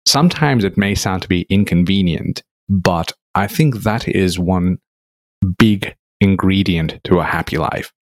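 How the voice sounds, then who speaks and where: A man from Nepal hosts a podcast in easy conversation. His voice is very low and sits dry and close to the mic, with an agreeable manner. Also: measured pace, dry recording. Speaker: podcast host. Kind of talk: casual conversation.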